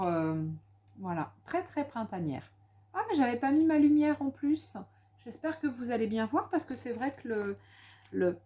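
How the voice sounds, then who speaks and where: A woman's voice: on the high side, a little mellow. A woman from France chatting casually at home about craft supplies she bought, enthusiastic and full of little hesitations and repeats. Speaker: crafting vlogger. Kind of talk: casual haul and craft chat.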